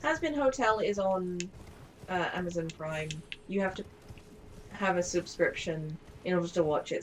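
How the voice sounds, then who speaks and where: A woman's voice: fairly low pitch, noisy background. A woman chatting casually and rambling on a live game stream, with many fillers and offhand swearing. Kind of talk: casual chat.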